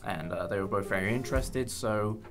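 A young man with a lowish voice, speaking at normal speed, hosts a casual behind-the-scenes chat about a production. He's the host and an audio drama producer, and he comes across as hesitant and appreciative.

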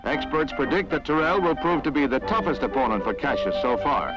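A man's voice: a little high, animated. A man giving punchy, scripted narration for an old 1960s newsreel. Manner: brisk, punchy announcer delivery. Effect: old newsreel sound. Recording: lo-fi 1960s newsreel audio with music. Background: music score.

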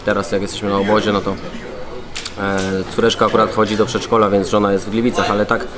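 A man in his thirties, a footballer, answering interview questions in a hotel room, pausing often with fillers. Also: fairly low pitch, little pitch movement, a crowd in the background. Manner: hesitant, many pauses and fillers. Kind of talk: casual interview.

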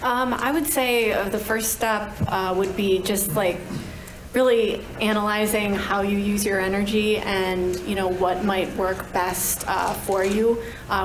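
A woman's voice: medium pitch, noisy background. A woman answering a question on a conference panel, hesitant, with many filler sounds. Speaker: energy advisor on a conference panel. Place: large hotel conference room.

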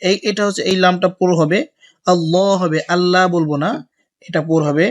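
Male Quran tutor with a somewhat high, even-toned voice; drills letters slowly, then explains quickly. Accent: Bangladeshi Bengali. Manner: slow, drawn-out recitation alternating with brisk explanation. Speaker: Quran recitation teacher. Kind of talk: spelling-out Quran lesson.

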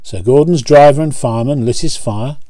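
A pastor reading a children's picture book aloud, with gentle asides to the listener. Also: male voice, medium pitch, a little fast, no room sound.

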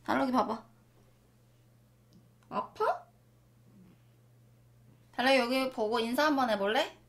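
A woman's voice: fairly high pitch, quick pace. A young woman chatting playfully to her cats, cooing and putting on mock-polite masseuse talk. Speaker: pet vlogger.

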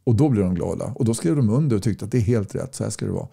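Brief: man from Sweden, low gravelly husky voice, blunt folksy campaigner talking to camera. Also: animated, mellow. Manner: blunt, folksy, repeats points with rhetorical questions. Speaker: political campaigner. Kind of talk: casual direct-to-camera talk reading viewer comments.

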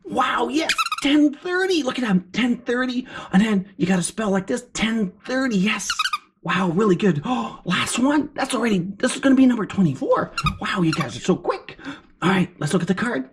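A woman voicing an excitable, encouraging furry puppet as a kids show host, with gasps and exclamations while teaching children. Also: fairly high pitch, moderate pace, close to an everyday voice. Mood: excited, encouraging. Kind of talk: children's lesson, sing-out praise and questions. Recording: clear background noise.

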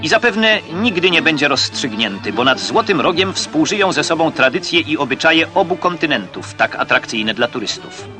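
A man reads an old 1960s newsreel, his voice pitched a little high and delivered crisply and declaratively. He adds a wry touch now and then. Clear music plays behind him throughout. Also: very animated, normal speed, hardly any pauses. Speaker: newsreel narrator.

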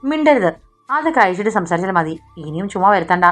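Woman voicing a gentle caring young husband. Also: fairly low pitch, fast talker, soft background music, close to an everyday voice. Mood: tender. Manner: soft, calm and protective.

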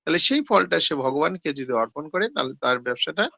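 Male seminar speaker, bright gravelly voice, self-answered questions, dull lo-fi sound. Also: fairly high pitch, expressive, quick pace, dry recording. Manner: explains with rhetorical questions and answers; hesitant, with fillers and self-corrections. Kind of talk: devotional scripture talk.

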